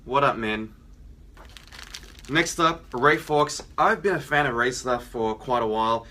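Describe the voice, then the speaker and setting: Chatting casually and a bit hesitantly, a comics fan show co-host presents the items in his haul. He has a mid-range voice that sounds pushed and bright, and he takes his time. Noisy room sound surrounds him.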